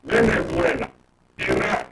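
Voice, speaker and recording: A Nigerian-accented man, appearing as an expert commentator on a panel, explains things emphatically, building his case step by step, checking in with questions and using everyday analogies in a live discussion. His voice sits fairly high, swings hugely in pitch, and moves a little slowly. The audio is roomy and distant-miked, with clear noise and clicks.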